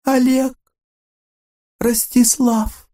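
A man voicing a solemn, tearful young female fortune-teller who speaks slowly in a hushed, otherworldly way. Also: very high voice, flat delivery, voice pushed up, exaggerated voice. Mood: trance-like.

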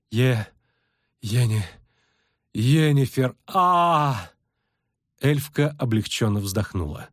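A man reading a fantasy novel aloud in measured, even narration. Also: mid-range voice, breathy edge, no echo, studio quality. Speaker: audiobook reader. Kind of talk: scripted narration.

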